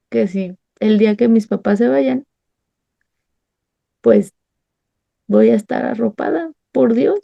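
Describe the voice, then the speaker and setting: Woman, Mexican accent, gravelly voice, Bible study leader, storytelling testimony, dull lo-fi call audio. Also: a little high. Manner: warm, storytelling, acts out remembered dialogue. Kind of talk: heartfelt personal testimony.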